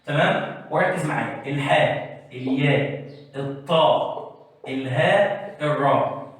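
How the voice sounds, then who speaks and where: A man with an Egyptian accent teaching tajweed to exam students, explaining letters and chanting them in a drawn-out recitation style, often checking in with a quick question. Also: fairly high pitch, fairly bright tone. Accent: Egyptian Arabic. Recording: very echoey room, voice from a distance.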